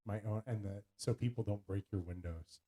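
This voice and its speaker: A podcast co-host with a lowish, slightly breathy voice chats at a moderate pace in a casual, playful way. He's jokey and gets animated, putting on voices whenever he quotes something.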